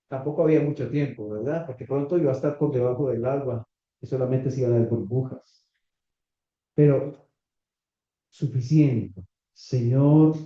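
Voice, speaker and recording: A man preaching a sermon to a congregation, reading scripture slowly and asking the listeners questions. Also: medium pitch, warm tone. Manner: slow, deliberate preaching with rhetorical questions to the congregation. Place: small church meeting room. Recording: echoey, slightly dull church recording.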